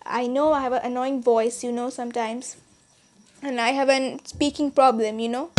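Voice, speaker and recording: Here the Indian teen YouTuber's voice is a little high and steady, at normal speed, over a noisy background. She talks casually with her subscribers in her Indian accent, rambling with frequent restarts and fillers, indoors in a small bedroom.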